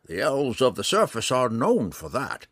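A man voicing a stern, gruff male woodland hermit who scolds in a raised, high voice. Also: wildly swooping pitch, normal speed, fairly bright tone, dry recording, clean studio sound, full character voice. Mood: scolding.

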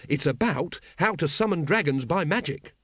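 A man's voice: on the high side, lively intonation, moderate pace, a bit bright, husky, dry recording, studio quality, voice pushed up. A man voicing an eager, earnest young male watchman, keen and upbeat.

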